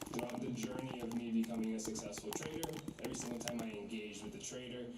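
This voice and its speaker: A man in his twenties, a trading mentor, talking casually and enthusiastically to a live group in a large room. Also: lowish voice. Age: 20s. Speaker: trading mentor hosting event. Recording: roomy, distant mic, noisy room.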